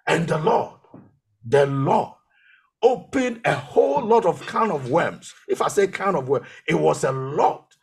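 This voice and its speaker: A man's voice: a little high, animated, unhurried, vocal fry, darkish tone. A man pastor preaching a sermon, telling his own testimony and repeating phrases for emphasis.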